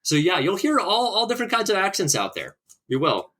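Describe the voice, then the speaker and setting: A man's voice: sits high, huge pitch swings, a little fast, pushed and bright. A man from Minnesota chatting casually as a podcast guest, rambling and friendly with lots of fillers.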